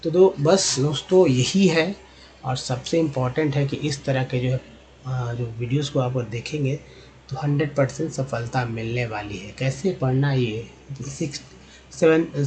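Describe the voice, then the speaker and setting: A man teaching English pronunciation in Hindi, repeating each example word slowly and often checking in with "है ना" and "दोस्तों". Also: medium pitch, darkish tone. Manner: addresses viewers as friends. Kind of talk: spoken lesson.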